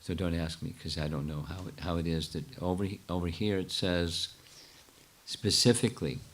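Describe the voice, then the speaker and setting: Here a low-voiced older man, a spiritual teacher, responds to audience questions during a lecture with fairly even intonation. His delivery is halting, full of stops and restarted sentences as he works through his thoughts out loud.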